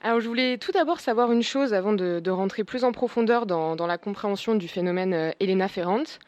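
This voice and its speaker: A woman's voice: mid-range voice, brisk, darkish tone. A young woman hosting a casual radio talk show, chatting about a book and interviewing a guest, with frequent fillers and restarts.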